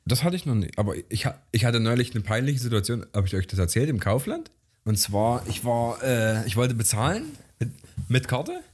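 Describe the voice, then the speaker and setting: Storytelling man, animated and swearing. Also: mid-range voice, normal speed. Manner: animated, acts out dialogue, swears freely. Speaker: podcast co-host. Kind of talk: casual chat, storytelling.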